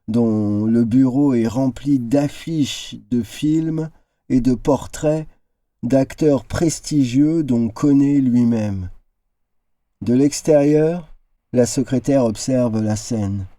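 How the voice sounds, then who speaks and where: Slow, dark-voiced male storyteller. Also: no room sound. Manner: shifts into character voices, high exclamations. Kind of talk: expressive reading of an original tale.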